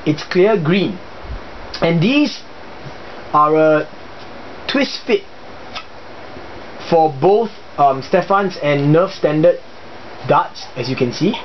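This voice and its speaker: A young Singaporean-accented man with a slightly high voice and lively intonation explains his hobby gear as a video host, in a casual show-and-tell. He's chatty but hesitant, pausing often on fillers. The sound is dull and lo-fi with a faint underlying hiss.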